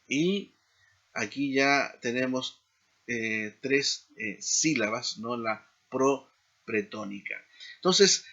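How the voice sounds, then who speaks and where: A man teaching a seminary class in a slow explanatory lecture, often checking in with tag questions. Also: medium pitch, bright, forceful tone, highs cut off. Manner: frequent tag questions, deliberate pacing.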